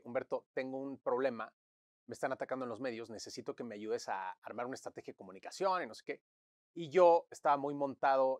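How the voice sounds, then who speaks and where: A man, a guest in an interview, telling stories in a lively way and acting out what others said to him. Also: medium pitch, dry recording, clean studio sound. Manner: animated storyteller, acts out quotes. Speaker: interview guest, crisis management consultant. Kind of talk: conversational interview.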